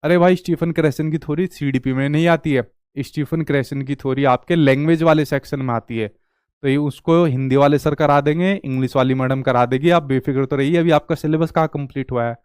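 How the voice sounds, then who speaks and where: A man's voice: a little high, steady tone, fairly quick, darkish tone, clear, resonant tone, no room sound, studio quality. Male teacher quizzing his class. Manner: repeats questions to the class and answers them himself. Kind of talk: online exam-prep lecture.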